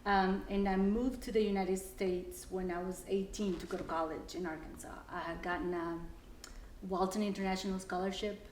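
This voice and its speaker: A woman's voice: mid-range voice, fairly even intonation, normal speed, a little mellow, slight background noise. A woman in her forties from El Salvador, a native Spanish speaker, telling her story casually with many fillers and restarts as she walks through her house. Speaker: interviewee. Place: her house, walking from room to room. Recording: echoey room, faint ambience.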